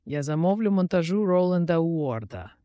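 Man voicing old knight, hearty, blustering, booming exclamations, dry close sound. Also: lively intonation, fairly quick, darkish tone, no echo, muffled recording, close to an everyday voice. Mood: delighted.

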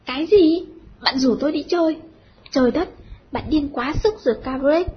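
A woman voicing a loud, sharp-tongued schoolgirl with shrill outbursts. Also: normal speed, slight background noise, lightly acted. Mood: scornful. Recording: dull lo-fi audio.

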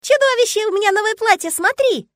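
A bossy, excitable little girl from a storybook, her voice pitched far above an adult's and pushed loud. She fires strict, demanding questions at whoever stands in front of her. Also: fast talker, dry recording, clean studio sound. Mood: excited shrieking.

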